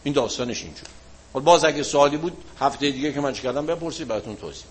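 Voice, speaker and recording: A man teaching religion to a class, explaining at an easy conversational pace. He talks casually and piles up everyday examples, and his voice sits at an ordinary middle pitch. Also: slight background noise. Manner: relaxed, colloquial explaining with frequent examples; closes with a chanted-style supplication. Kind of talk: classroom talk with questions from students.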